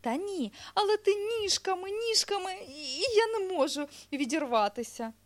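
A woman voicing a small playful bear cub in a storybook, eager and shouting. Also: extremely high pitch, lively intonation, moderate pace, pitched above the performer's own voice. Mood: excited.

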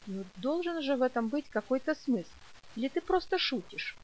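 A woman reading an audiobook and voicing a gentle, worried mother who asks perplexed, pleading questions. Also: high-pitched, animated, moderate pace, slight background noise, pitched above the performer's own voice, low-quality recording. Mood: bewildered. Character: gentle bewildered mother, worried and soft-hearted.

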